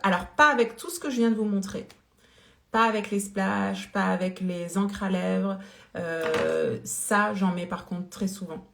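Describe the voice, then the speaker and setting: Speaking at a measured pace in a gravelly, mid-range voice, a woman runs a chatty beauty live-stream, demoing products, using plenty of fillers and calling out viewers by name. Roomy echo colors the sound.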